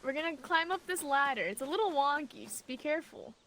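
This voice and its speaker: High, animated woman over background noise. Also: brisk. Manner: cheeky, laughing, mock-spousal teasing. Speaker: co-streamer. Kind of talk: casual gaming chat with family role-play banter.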